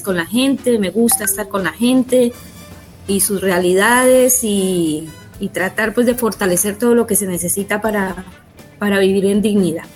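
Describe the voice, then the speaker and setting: Colombian woman, calm, mid voice, faint music under. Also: mid-range voice. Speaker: guest, communicator. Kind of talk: interview answer.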